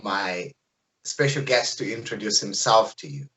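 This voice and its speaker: A man's voice: on the low side, unhurried, fairly bright tone, rough recording. A man hosting an interview, enthusiastic and encouraging toward his guest. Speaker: interview host.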